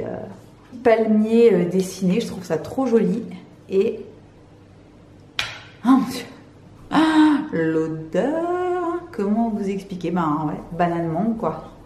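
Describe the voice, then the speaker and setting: Chatty excitable French woman vlogger. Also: lowish voice, moderate pace, echoey room, slight background noise. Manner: chatty and excitable, many fillers. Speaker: beauty vlogger. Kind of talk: casual product unboxing chat. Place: room at home, cats nearby.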